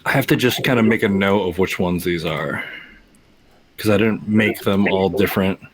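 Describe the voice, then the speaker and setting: A man's voice: low voice, normal speed, a little hiss or hum, low-quality recording. A man running a tabletop game as game master, narrating and ruling in casual speech.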